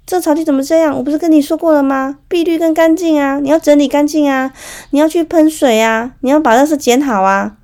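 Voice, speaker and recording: Exasperated scolding father, put on by a woman telling a story: shrill, rapid-fire, raised voice. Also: a little mellow.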